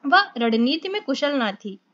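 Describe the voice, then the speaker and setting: A woman narrating a novel as an audiobook in a steady storytelling manner. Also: sits high, a little slow, dry recording. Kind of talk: novel reading. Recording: dull lo-fi, dry.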